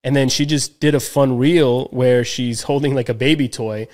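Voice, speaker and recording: Podcast co-host, male, mid-pitched, loose slangy delivery with restarts. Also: steady tone, normal speed, a little mellow. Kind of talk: casual chat.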